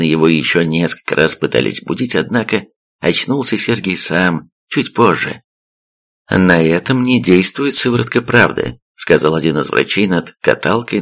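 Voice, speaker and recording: A man narrating a scripted story in a steady, even way. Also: sits low, gravelly. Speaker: audiobook narrator.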